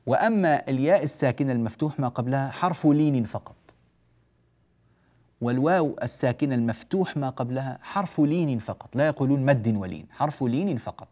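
Patient Arabic tajweed teacher, mellow voice. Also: male voice, medium pitch, lively intonation. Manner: measured and patient, stretching example words and checking in with listeners. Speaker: Quran recitation teacher. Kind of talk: explaining a classical tajweed poem.

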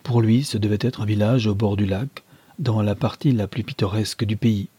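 A man narrating a classic novel as an audiobook in a calm, measured way. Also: on the low side, husky. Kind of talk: scripted literary narration.

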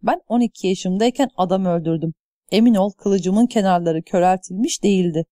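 A woman's voice: mid-range voice, moderate pace, dark tone, dry recording, clean studio sound, close to an everyday voice. A woman reading the lines of a scarred, bull-strong warrior who taunts and scorns the others, in an audiobook. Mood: taunting. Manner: taunting, contemptuous.

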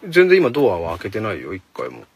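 A man hosting a casual solo talk show from inside a parked car, speaking quickly and chattily into a handheld phone and jokingly scolding his listeners. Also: lowish voice, huge pitch swings, lo-fi sound, very noisy. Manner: fast-talking, chatty, mock-scolding listeners. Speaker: radio show host. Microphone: phone held in hand.

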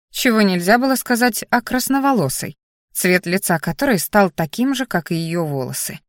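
A woman narrating a fantasy audiobook in the first person, telling it in a wry, expressive way. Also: mid-range voice, no room sound, studio quality.

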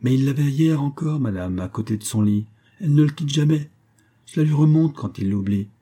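A man's voice: mid-range voice, animated, brisk, warm tone, husky, voice pushed up. A man voicing a poor, devoted old woman who pleads anxiously, for an audiobook. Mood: pleading.

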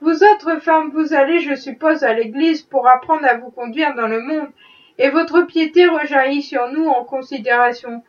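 A woman reading a novel aloud, voicing an ironic wealthy gentleman who is a worldly skeptic, with a dry, mocking manner. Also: high voice, moderate pace, far from the mic, highs cut off, lightly acted. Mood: wry. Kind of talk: audiobook reading.

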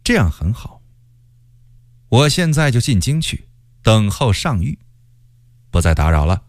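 A man voicing a haughty, scheming male court eunuch with a shrill laugh and a drawling, arrogant manner. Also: sing-song, a little slow, no room sound. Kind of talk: storytelling character voice.

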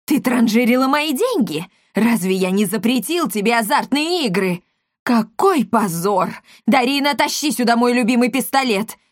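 Blustering storybook merchant, male, quick to shout, pitched high, played by a woman. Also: expressive, dry recording, clean studio sound, close to an everyday voice. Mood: furious. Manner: shouting, indignant.

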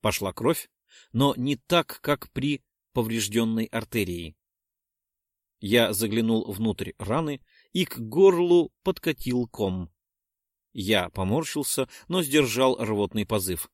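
Steady male audiobook narrator, dry sound. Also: medium pitch, slow, dry recording. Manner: steady, rising to urgent shouts in dialogue. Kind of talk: scripted first-person narration.

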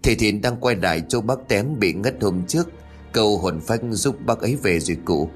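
A man's voice: lowish voice, expressive, moderate pace, faint music behind, natural voice. A man voicing an anxious young villager who explains urgently.

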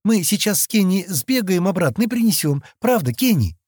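A man's voice: a little high, animated, moderate pace, a little mellow, no echo, voice pushed up, natural voice. A man voicing a timid young woman who speaks guiltily and close to tears. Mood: guilty, near tears. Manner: apologetic, near tears.

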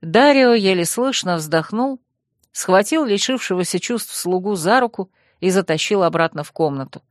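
A woman reading a first-person fantasy novel aloud in an even storytelling manner. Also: mid-range voice, normal speed, no room sound, studio quality. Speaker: audiobook narrator. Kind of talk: scripted first-person narration.

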